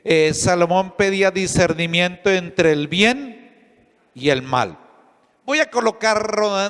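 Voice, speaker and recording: High-voiced priest preaching in a hall. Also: male voice, a bit bright, smooth. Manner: storytelling preacher, addresses listeners as brothers. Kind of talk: sermon.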